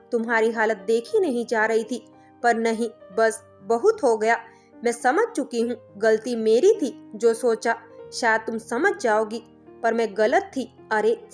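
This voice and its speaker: A woman's voice: on the high side, lightly acted. A woman voicing a middle-aged mother who scolds her daughter firmly and reproachfully. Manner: firm, reproachful.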